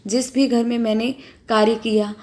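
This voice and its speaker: A woman's voice: on the high side, little pitch movement, moderate pace, darkish tone, lightly acted. A woman voicing a timid, frightened young governess who answers her employer meekly. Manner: meek, fearful.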